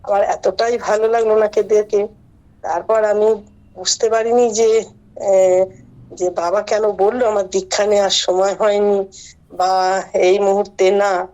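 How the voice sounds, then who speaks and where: A middle-aged woman giving a halting, earnest personal account as a devotee over a video call. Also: mid-range voice, flat delivery, warm tone. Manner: halting, earnest storytelling with pauses. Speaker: devotee sharing her experience. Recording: muffled online call audio.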